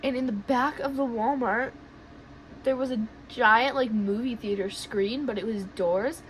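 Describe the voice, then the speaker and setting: A woman vlogger casually telling a long story while doing her makeup at home, rambling and excitable. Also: on the high side, measured pace, slight background noise, poor audio.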